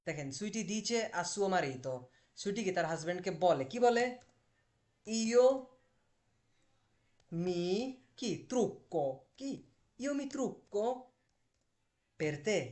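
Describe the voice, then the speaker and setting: A man's voice: sits high, animated, a little slow, pauses often, darkish tone. A man teaching an online language class, drilling verb forms aloud and asking rhetorical questions as he explains.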